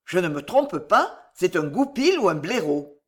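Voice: medium pitch, very animated, a little slow. A reader doing greedy grumbling fishmongers. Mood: scheming. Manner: haggling, complaining. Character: two greedy medieval fishmongers, grumbling and scheming.

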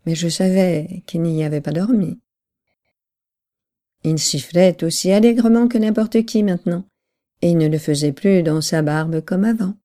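A woman narrating a novel in a steady, measured storytelling voice. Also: fairly low pitch. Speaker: audiobook narrator.

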